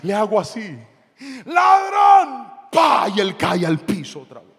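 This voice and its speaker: A male pastor, telling a story in a sermon and shouting out the dramatic moments. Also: high-pitched, a little fast, a faint crowd. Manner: animated, shouting the action. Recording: long hall reverb, faint noise.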